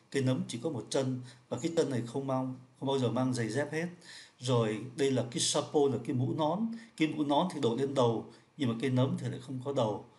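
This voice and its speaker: A French teacher with a medium-pitched, slightly mellow voice patiently explains French riddles. He repeats each point and slows down whenever he says French words.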